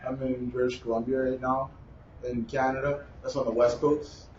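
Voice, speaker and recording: A young man with a Bahamian accent, a basketball player answering interview questions in a relaxed, plain way. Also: medium pitch, moderate pace. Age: young adult. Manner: relaxed, plain, uses "like" and "you know". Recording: roomy, distant, dull with faint noise.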